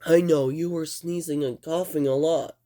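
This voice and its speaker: A video creator talking through an improvised skit with toy characters, drifting between soft whispers and sudden squeals. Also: medium pitch, steady tone, moderate pace.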